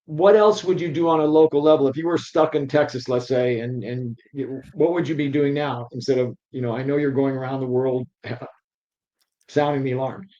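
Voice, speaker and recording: A man hosting an interview, asking questions in a halting way and rephrasing as he goes. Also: mid-range voice, fairly even intonation, dark tone. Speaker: interviewer host. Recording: dull lo-fi sound.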